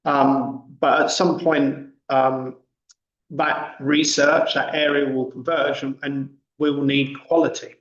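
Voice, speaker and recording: Male academic presenter, unhurried delivery with long pauses, echoey and muffled online call sound. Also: mid-range voice, level tone. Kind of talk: conference presentation. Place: indoors, online video conference call. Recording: roomy, distant, dull online call audio.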